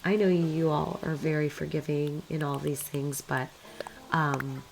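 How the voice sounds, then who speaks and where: Woman with a hoarse smoker's rasp. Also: deep voice, flat delivery, measured pace, slight background noise, rough recording. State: hoarse from a recent illness. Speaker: video creator narrating game footage. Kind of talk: casual gameplay commentary.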